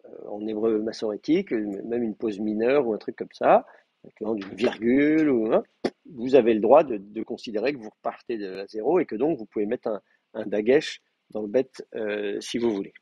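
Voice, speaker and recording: A man's voice: on the low side, lively intonation, normal speed, mellow, slightly rough, no echo, dull audio. A man teaching an advanced class in a live lecture, explaining patiently with frequent hesitations and fillers. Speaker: Hebrew teacher.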